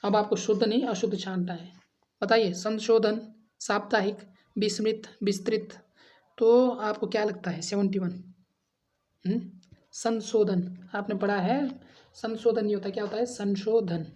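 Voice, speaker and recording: A woman's voice: medium pitch, fairly even intonation, normal speed, darkish tone. Woman teacher drilling Hindi grammar questions. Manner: addresses students as friends, asks and answers quiz questions; drills answers, repeating option letters. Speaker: exam prep teacher. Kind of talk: Hindi grammar exam lesson.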